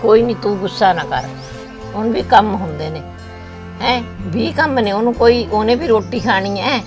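A woman playing a frail, gentle elderly village mother with a Punjabi accent, consoling her daughter. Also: medium pitch, normal speed, over music, natural voice. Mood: tender. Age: older. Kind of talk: village drama acting.

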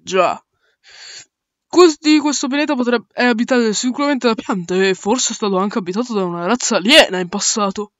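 A man voicing a male space crew captain in an amateur audio drama, giving orders and reasoning aloud with pauses. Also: high voice, a bit bright, no room sound, lo-fi sound. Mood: calm, commanding.

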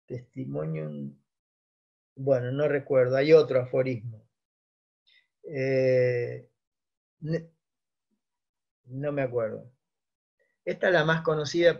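Un hombre mayor con acento argentino da una clase de derecho, lee citas en voz alta y se detiene a recordar. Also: male voice, medium pitch. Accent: Argentine Spanish. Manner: reads out quotations, pauses to recall, thinks aloud. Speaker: lecturer on law. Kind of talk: academic lecture. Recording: dull lo-fi online talk.

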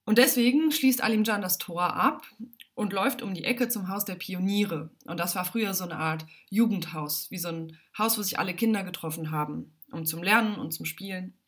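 A woman reads a children's story aloud in an animated, dramatic way. She speaks from home on a livestream. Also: medium pitch, normal speed.

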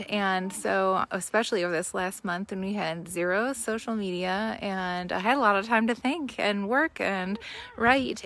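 A woman's voice: mid-range voice, a bit bright. A middle-aged woman chatting casually to her followers in an informal live vlog, talking them through things on a handheld phone outdoors. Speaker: small business owner vlogging. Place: outdoors in a driveway beside a road. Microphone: handheld phone at arm's length. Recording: noisy outdoor phone audio, passing traffic.

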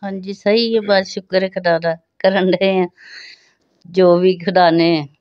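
Hesitant woman guest with a Punjabi accent and a fairly low voice. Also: steady tone. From Pakistan. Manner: hesitant, halting. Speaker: interview guest. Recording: distant, dull audio.

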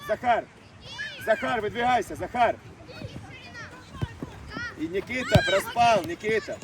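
A man coaching a youth football team, shouting instructions and encouragement to players during a match on an outdoor pitch. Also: sing-song, a little slow. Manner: loud, urgent, encouraging shouts. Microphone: far camera. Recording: distant mic, crowd and noise behind.

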